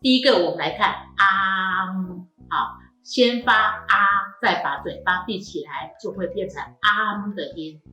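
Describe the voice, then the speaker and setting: A woman with a Taiwanese Mandarin accent leads a pronunciation drill, sounding out each vowel slowly and repeating it patiently. Her voice is bright and clear. She is recorded in a room with a noticeable echo and faint music underneath. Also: medium pitch. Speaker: language teacher. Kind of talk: phonetics lesson.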